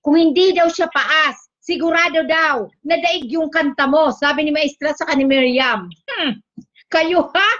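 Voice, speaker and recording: A woman's voice: high-pitched, unhurried, a bit bright. A woman hosting a casual livestream, chatting, teasing her guest and reading out viewer comments. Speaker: livestream host. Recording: dull lo-fi stream audio.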